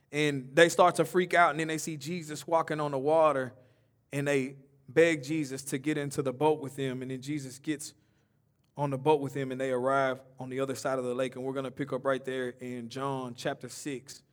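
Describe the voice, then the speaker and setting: A young adult man preaching a sermon as pastor, impassioned, swinging from near-shouts down to quiet storytelling. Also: little pitch movement, moderate pace. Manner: impassioned preaching, rising to near-shouts then dropping low.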